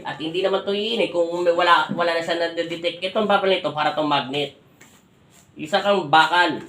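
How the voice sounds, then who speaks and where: A man's voice: on the high side, a bit bright. A man from the Philippines working as a folk healer, questioning and giving firm orders during a healing session. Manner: commanding, questions and orders repeatedly. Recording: echoey room with faint ambient noise.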